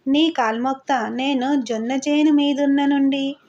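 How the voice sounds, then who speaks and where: A woman's voice: sits high, little pitch movement, measured pace, darkish tone, lo-fi sound. A woman reading the lines of a frightened male farmhand in an audio novel, pleading and submissive.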